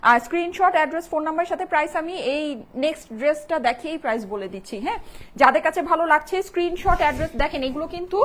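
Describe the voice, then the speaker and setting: A woman's voice: sits high, lively intonation, racing, fairly bright tone. A woman hosting a live online sales stream, chatty and repeating how to order. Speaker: online shop seller.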